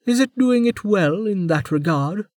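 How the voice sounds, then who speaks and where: A man voicing an ancient, imperious female warden who drawls and mocks, leaning slowly on certain words in an audiobook. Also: high voice, lively intonation, a little mellow, no room sound, clean studio sound, pitched above the performer's own voice. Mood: sardonic. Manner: drawling, mocking, with slowed emphatic words. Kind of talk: audiobook character voice.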